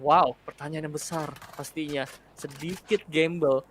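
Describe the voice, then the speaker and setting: A man's voice: a little high, fairly quick, a bit bright, a little hiss or hum. A man with an Indonesian accent giving live game commentary and analysis in colloquial, slangy speech. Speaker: esports caster. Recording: game sounds behind the voice.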